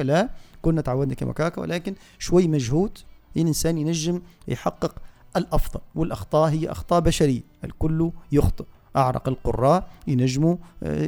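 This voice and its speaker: A man with a Tunisian accent teaching Quran recitation on the radio, explaining pronunciation slowly and repeating words to correct them. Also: medium pitch, gravelly, warm tone. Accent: Tunisian Arabic. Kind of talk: radio tajweed lesson with recitation. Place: radio studio.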